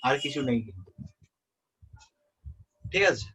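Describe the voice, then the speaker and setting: A young man tutoring a student for an exam in a relaxed way. He often checks that the student is following and repeats the key terms. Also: medium pitch, unhurried, a crowd in the background. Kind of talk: informal exam-prep lesson. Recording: muffled lo-fi audio.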